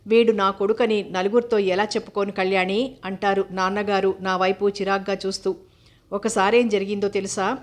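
Woman reading a story in a flat voice. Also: medium pitch. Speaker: story reader. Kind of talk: first-person story narration.

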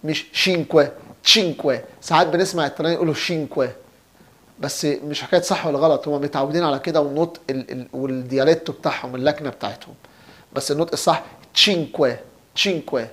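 A young man with an Egyptian Arabic accent teaching Italian in a casual lesson, repeating each word slowly and clearly for learners. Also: fairly high pitch, fairly even intonation. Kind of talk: casual spoken language lesson.

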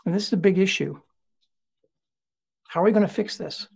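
A middle-aged man delivers a keynote talk in a husky, slightly breathy voice. He tells stories in a lively, conversational way, dropping in asides as he goes. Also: sits high, moderate pace. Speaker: keynote speaker.

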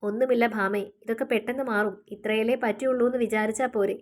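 A woman voicing an injured young man who gently reassures a worried girl, in a soft, low-key way, for a storybook reading. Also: steady tone, fairly quick, close to an everyday voice. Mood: reassuring.

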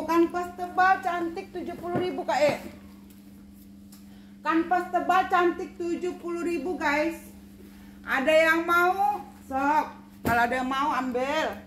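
A woman pitches used bags on a live stream in a high, bright voice. She talks on and on, repeating each price and coaxing viewers with endearments. The room is roomy and echoey, with a faint hum of noise behind her. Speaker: online seller of second-hand bags.

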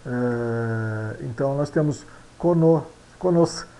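A man from Brazil with a Brazilian Portuguese accent, teaching a video lesson in an unhurried way, often ending phrases with a questioning tag and filling pauses with hesitant sounds. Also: mid-range voice, mellow, low-quality recording. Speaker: language teacher.

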